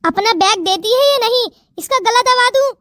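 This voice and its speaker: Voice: very high voice, expressive, moderate pace, bright, forceful tone, no echo, studio quality, full character voice. A voice artist playing a menacing, demanding village thief in a cartoon. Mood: threatening. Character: bearded village thief, threatening.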